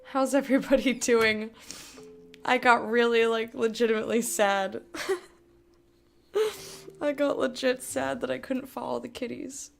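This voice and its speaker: A woman's voice: on the high side, fairly even intonation, a little slow, gravelly, pauses often, soft background music. A woman giving casual live gameplay commentary as a streamer, gushing and sentimental. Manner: gushing, sentimental, baby-talks to the game. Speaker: game streamer.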